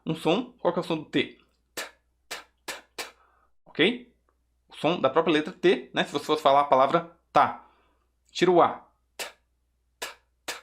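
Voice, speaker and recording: A Brazilian man with a slightly high voice leads a pronunciation lesson. He repeats English words slowly and over-stresses their endings so learners can hear them. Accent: Brazilian Portuguese. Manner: slow, exaggerated drilling of English words. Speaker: English teacher.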